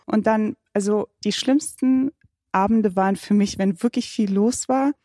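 A woman speaks on a panel in a reflective, conversational way. Her voice is mellow and warm. The recording is dry and close. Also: mid-range voice, measured pace, dry recording. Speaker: panel guest. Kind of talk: personal account in a panel talk.

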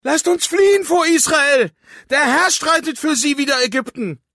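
A man's voice: on the high side, normal speed, a bit bright, no room sound, studio quality, voice pushed up, close to an everyday voice. A man voicing alarmed Egyptian soldiers and courtiers in a raised, urgent voice. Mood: panicked.

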